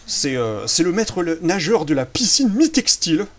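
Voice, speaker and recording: A man's voice: a little high, very animated, moderate pace. A man chatting casually through a behind-the-scenes commentary on his own fan film, self-amused and full of hesitations.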